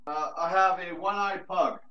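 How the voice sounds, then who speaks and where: A man's voice: sits high, steady tone, moderate pace, lo-fi sound, a crowd in the background. A Canadian man chatting casually on a podcast, hesitant and full of ums and restarts, but blunt and profane.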